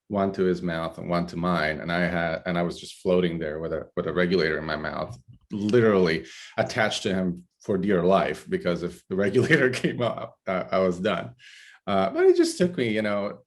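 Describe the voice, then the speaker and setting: A middle-aged man from Italy with an Italian accent, a podcast guest talking haltingly with many fillers and restarts. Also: sits low. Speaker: guest, climate researcher. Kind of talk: podcast interview.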